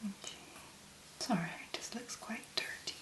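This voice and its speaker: An ASMR tutorial host speaks in a breathy, whispery voice, gently murmuring step by step in a soft, unhurried manner at normal speed. The sound is reverberant.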